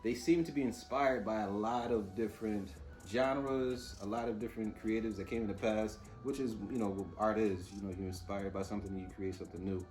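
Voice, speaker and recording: Low-voiced man reviewing TV, music behind. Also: fairly even intonation, a little fast, darkish tone. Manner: informal, opinionated, mulling things over aloud. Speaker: host reviewing TV episodes. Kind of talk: casual off-the-cuff review commentary.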